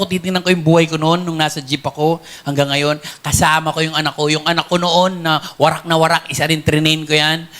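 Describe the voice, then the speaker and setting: A man's voice: fairly high pitch, pushed and bright. A middle-aged man, a former comedy actor, telling his personal faith testimony in an earnest, emotional, conversational way.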